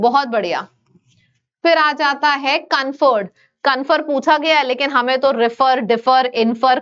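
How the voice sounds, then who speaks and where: High-voiced brisk Indian woman teacher. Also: a bit bright, highs cut off. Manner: brisk, coaxing, mixes English into Hindi. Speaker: English vocabulary teacher. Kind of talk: online exam-prep lesson.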